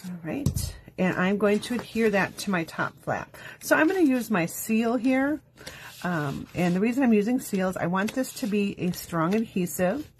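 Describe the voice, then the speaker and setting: A woman's voice: mid-range voice, animated, normal speed, slight background noise. A woman hosting a live crafting demo, talking chattily step by step while losing her voice. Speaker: craft show host. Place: home craft studio.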